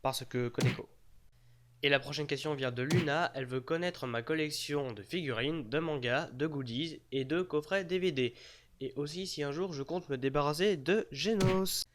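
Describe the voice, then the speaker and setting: Young male host reading fan questions aloud, slightly higher voice, cheeky deadpan jokes. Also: normal speed. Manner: joking, teasing, with mock-serious asides. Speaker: page admin answering fan questions. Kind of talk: casual FAQ voice-over. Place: unseen voice-over.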